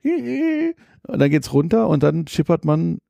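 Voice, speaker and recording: Gravelly low-toned man, opinionated chat. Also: very animated, a little slow, mellow, no echo, dull audio. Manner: opinionated, critical, with many fillers. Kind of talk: casual chat about theme parks.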